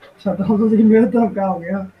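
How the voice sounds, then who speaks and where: A man's voice: sits high, steady tone, fast talker. A man on a poor internet call connection, speaking in short, repeated remarks during an online meeting. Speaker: call participant. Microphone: remote call audio. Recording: muffled echoey call audio from far off with background noise.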